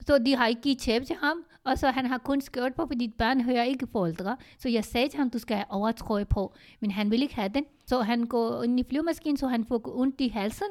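A middle-aged woman, chatting casually with her daughter, often pausing to search for words and mixing in other languages. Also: on the high side, darkish tone. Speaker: podcast co-host, mother. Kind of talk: casual family chat.

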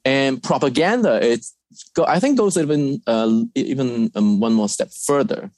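A man's voice: mid-range voice, animated, measured pace, darkish tone, no room sound. A man from China, a research fellow, answering interview questions thoughtfully with frequent fillers and restarts.

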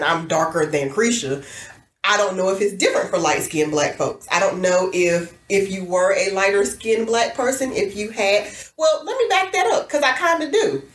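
A woman with a low voice co-hosts a podcast in easy conversation. She talks things through with fillers and laughs often. The recording has a noticeable echo, as in a bare room. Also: normal speed. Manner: thoughtful, laughs easily, many fillers. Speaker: podcast co-host. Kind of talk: casual podcast chat.

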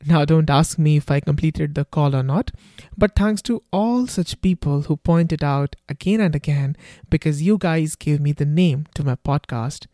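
A young podcast host with an Indian accent reads a scripted intro in a wry, conversational manner. His voice sits on the high side with a dark tone, and he keeps a moderate pace.

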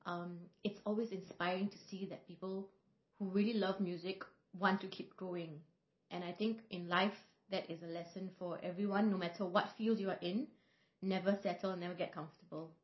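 A woman who is a singer and vocal coach, from Singapore, telling stories in a relaxed podcast chat with frequent fillers. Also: lowish voice, moderate pace. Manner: reflective, storytelling, frequent fillers. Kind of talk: casual podcast conversation. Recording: roomy, slightly dull podcast audio.

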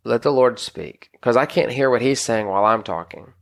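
A married adult pastor teaches scripture on a podcast in an animated, gravelly mid-range voice at normal speed. He's earnest and conversational, restarting often and saying "you know" a lot.

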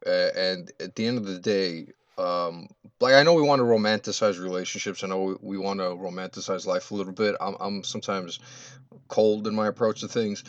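20-something guy, low voice, thinking things through, dry slightly dull recording. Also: no room sound. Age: 20s. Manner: measured, analytical, says "right?" and "you know". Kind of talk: casual chat.

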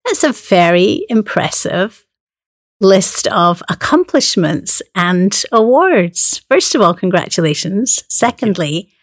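A woman's voice: medium pitch, no room sound. Woman host doing an interview, chatty, dry close sound. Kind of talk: broadcast interview.

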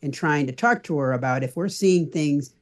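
A middle-aged man, a parenting blogger appearing as a podcast guest, answers questions in an earnest, explanatory, conversational way. His voice is a little high, and he speaks at normal speed.

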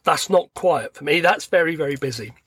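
A middle-aged man, croaky and tired from illness, rambling chattily as he hosts a podcast from his parked car. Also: a little high, animated, brisk, fairly bright tone, no room sound. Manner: rambling, chatty, acts out everyday dialogue. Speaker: podcast host. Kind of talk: casual solo podcast monologue. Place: parked car at a motorway services.

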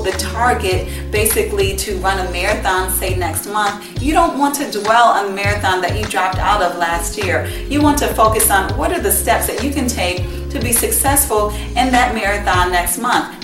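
A woman hosting a podcast, giving an earnest, instructive motivational talk that speaks directly to the listener. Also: medium pitch. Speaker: podcast host and leadership coach. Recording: roomy, distant mic, music behind.

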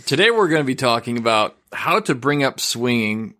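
A man's voice: mid-range voice, big pitch swings, moderate pace, pushed and bright. A male podcast host with an electronically altered voice, talking in a chatty, easygoing way. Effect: voice altered to disguise identity. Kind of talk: casual podcast chat.

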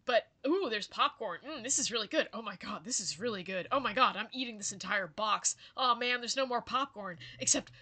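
A woman voicing a gluttonous young male alien in human form, excited and obsessed with food, retold on a podcast. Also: fairly high pitch, fairly quick, few pauses. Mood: greedy delight.

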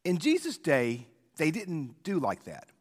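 A male preacher giving an informal, conversational devotional on scripture in a halting way, his voice echoing through a church sanctuary like a cathedral. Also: on the high side, huge pitch swings, slightly rough. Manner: conversational, halting with repeated words. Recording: echoey church sanctuary, long reverb.

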